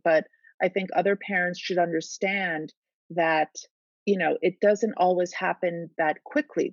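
A woman hosting an interview poses long, thoughtful questions. Her voice is lowish. The sound is dry and slightly muffled. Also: no echo.

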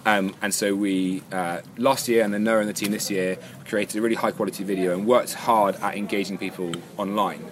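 Fast-talking man, slightly low voice. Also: fairly even intonation, a crowd in the background. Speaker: interviewee, event organiser. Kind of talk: conversational interview answers.

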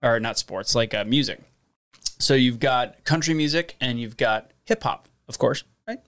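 Mid-pitched man, podcast guest, blunt and opinionated, salty language. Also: moderate pace, a bit bright. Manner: blunt, opinionated, swears freely. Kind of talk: casual chat.

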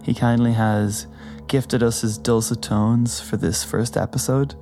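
A man's voice: medium pitch, little pitch movement, unhurried, warm tone. A man hosting a podcast, giving a scripted introduction over spooky music. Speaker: podcast host. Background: spooky background music.

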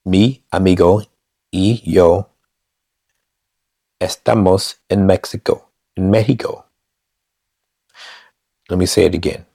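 A man talks slowly from his couch, feeling his way through beginner phrases and correcting himself as he goes. His voice sits very low, with a gravelly fry, and the recording is dry and close. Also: fairly even intonation, dark tone, dry recording. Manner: hesitant, self-correcting beginner reading phrases aloud. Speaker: language learner vlogger. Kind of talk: casual self-recorded practice. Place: at home on a couch.

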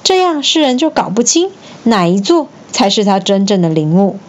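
A woman narrating a classic tale for children in a clear, gently expressive reading voice. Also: medium pitch, normal speed, muffled recording. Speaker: storyteller.

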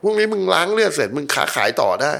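Gravelly, blunt middle-aged man. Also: a little high, sing-song, racing, fairly bright tone. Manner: blunt, heated storytelling with heavy swearing. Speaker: podcast guest, former advertising creative. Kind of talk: casual podcast conversation.

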